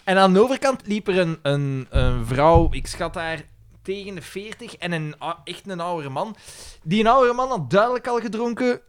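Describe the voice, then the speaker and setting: A man chatting casually as podcast co-host, telling animated stories and mimicking voices. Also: high-pitched, moderate pace, clean tone. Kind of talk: casual chat.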